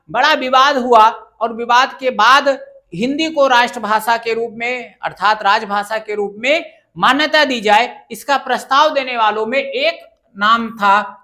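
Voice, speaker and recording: A woman's voice: sits high, bright, forceful tone. A woman teaching an exam-prep grammar lesson who keeps asking the class questions and answering them herself.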